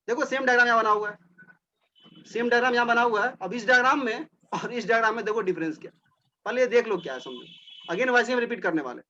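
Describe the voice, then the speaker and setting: A man's voice: high-pitched, pushed and bright, dull audio. A male teacher giving a classroom lecture, explaining step by step, repeating points and speaking directly to his students.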